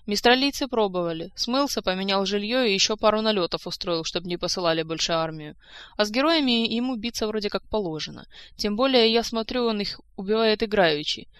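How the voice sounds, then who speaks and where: A woman reading aloud, voicing a lively, frank young woman explaining things. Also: mid-range voice, smooth, dry recording, close to an everyday voice.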